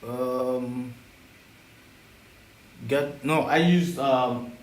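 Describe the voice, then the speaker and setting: A man's voice: mid-range voice, very slow, far from the mic. Blunt, impatient man in an echoey room. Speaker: learner quizzing an AI. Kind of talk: casual chat.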